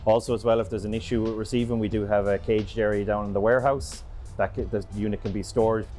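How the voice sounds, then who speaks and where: Guy explaining a work process, pretty monotone, light music behind. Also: on the low side. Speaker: facility staff guide. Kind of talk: explanatory walkthrough. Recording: background music under voice.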